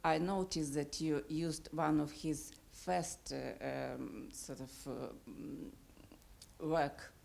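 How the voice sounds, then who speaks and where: Older woman from Ukraine, deep hesitant voice. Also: steady tone, slow, creaky, a little mellow. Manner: hesitant, many fillers, non-native grammar. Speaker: audience member asking a question. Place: auditorium at a public event. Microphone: handheld microphone.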